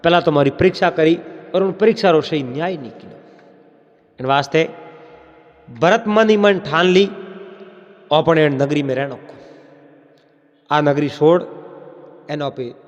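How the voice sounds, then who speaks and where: A man with a Marwari accent narrating a folk tale in an unhurried storytelling manner, slipping into quoted characters. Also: a little high, lively intonation. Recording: dull lo-fi with long reverb.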